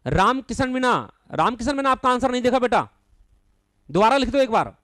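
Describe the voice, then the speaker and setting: A man with a very high, smooth voice leads a live online maths lesson, reading out students' names and checking each answer. He corrects mistakes bluntly but patiently, calls his students "son", and counts through long runs of numbers in a steady recitation. The sound is dry and close. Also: a little fast, no room sound. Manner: calls students by name, affectionately addresses them as son. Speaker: maths teacher.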